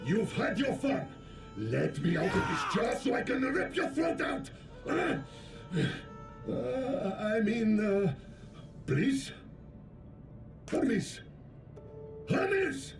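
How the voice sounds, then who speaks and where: A slow-talking, sly game villain trapped in a jar, high and swooping. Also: male voice, big pitch swings, gravelly, over music, heavily acted. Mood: pleading. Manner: sly, menacing, swings to pleading. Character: scheming man trapped in a jar. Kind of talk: video game character dialogue.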